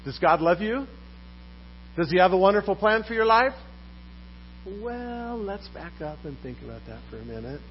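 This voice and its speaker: A man preaching a sermon as pastor, putting questions to his congregation in a lively manner. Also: high voice, normal speed, long pauses. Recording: dull recording with faint mains hum.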